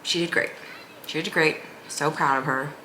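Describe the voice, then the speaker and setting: A woman's voice: low voice, fairly even intonation, moderate pace, sharp tone, a little hiss or hum, rough recording. A woman vlogger giving a casual, chatty recap in a rambling, informal way full of "like". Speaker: vlogger, mother of a young child.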